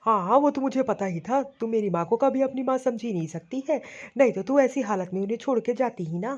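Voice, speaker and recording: A woman's voice: a little high, expressive, fairly quick, a little mellow. A woman voicing a short-tempered young husband in a cartoon story, harsh and scolding. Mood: angry. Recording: dull lo-fi audio.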